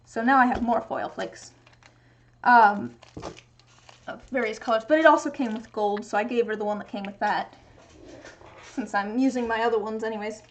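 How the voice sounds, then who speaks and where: A woman's voice: fairly high pitch, steady tone, normal speed, pauses often, a little hiss or hum. A woman chatting casually as she works through a craft livestream. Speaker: craft streamer. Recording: dull lo-fi stream audio.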